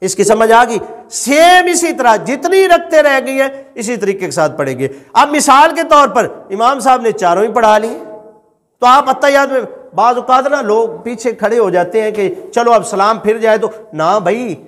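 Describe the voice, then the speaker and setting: A man's voice: very high-pitched, lively intonation, fairly bright tone, long reverb tail. A male religious teacher, lecturing and repeating his points, asking the listeners questions and then answering them himself. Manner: repeats and explains points patiently.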